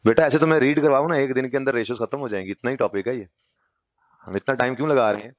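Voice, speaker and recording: Pakistani lecturer in a dry classroom. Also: male voice, medium pitch, dry recording. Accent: Pakistani Urdu. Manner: dictates notes slowly, urges students on. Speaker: accounting lecturer.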